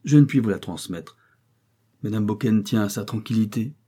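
A man's voice: lowish voice, normal speed, mellow, breathy edge. A man playing an unflappable stiff notary. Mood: composed. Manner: imperturbable, formal. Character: calm, stiff provincial notary, middle-aged man. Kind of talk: audiobook character voice.

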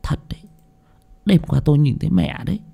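A man voicing a frightened wife in an audio story, speaking hushed and hurried. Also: fairly high pitch, sing-song, vocal fry, slightly rough, pitched above the performer's own voice, full character voice. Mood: fearful.

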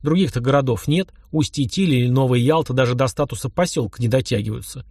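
A man's voice: medium pitch, fast talker, a little mellow, breathy edge, no room sound, clean studio sound. A man narrating a first-person novel in a wry, conversational storytelling manner. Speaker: audiobook narrator.

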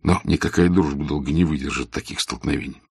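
A man reading a classic novel aloud as the narrator, in a measured, even way. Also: a bass voice, vocal fry, breathy edge, no echo, studio quality. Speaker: audiobook narrator. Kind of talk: scripted narration.

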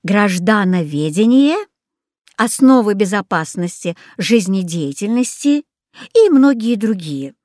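A woman reading a children's story aloud as first-person narration in a steady storytelling manner. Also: medium pitch, a little slow, dry recording, clean studio sound. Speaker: audiobook reader.

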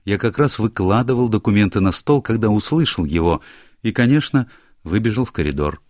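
A man's voice: lowish voice, lively intonation, brisk, a little mellow, no room sound, studio quality, pitched above the performer's own voice, natural voice. A man voicing a young, anxious male secretary who stammers and is eager to please, in an audiobook. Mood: flustered. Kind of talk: audiobook character voice.

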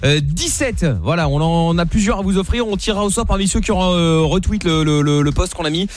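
A man's voice: high voice, fairly quick. A man hosting a casual radio call-in show, teasing and using crude slang. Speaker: radio host. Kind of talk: casual radio banter with callers. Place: radio studio.

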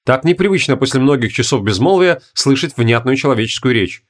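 A man reading a fantasy audiobook in measured, deliberate narration. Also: medium pitch, expressive. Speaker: audiobook reader. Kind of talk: scripted narration.

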